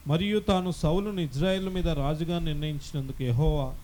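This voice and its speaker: Man reading scripture in a slightly high voice. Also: fairly quick, slight background noise. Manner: steady formal recitation. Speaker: scripture reader. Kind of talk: reading Bible verses aloud.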